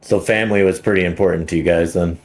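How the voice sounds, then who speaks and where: A man's voice: low voice, fairly even intonation, fast. A man chatting casually as an interviewer, attentive, giving short prompts and acknowledgements.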